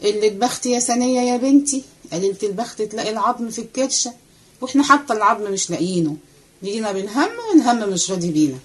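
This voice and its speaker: A woman voicing a bossy, sharp-tongued middle-aged housewife with an Egyptian accent, scolding and impatient. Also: mid-range voice, very fast, breathy edge, natural voice. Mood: rueful. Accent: Egyptian Arabic.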